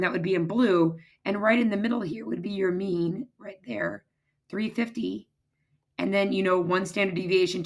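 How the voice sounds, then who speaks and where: Hoarse, husky woman teaching. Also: medium pitch. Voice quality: husky, raspy, strained voice. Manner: informal, step-by-step explaining. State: hoarse, losing her voice, throat-clearing. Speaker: math teacher. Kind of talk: recorded lecture, informal explaining.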